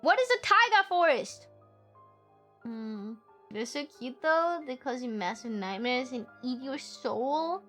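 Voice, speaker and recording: A woman streamer chatting casually and excitedly while playing a game, often talking fast. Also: high-pitched, soft background music.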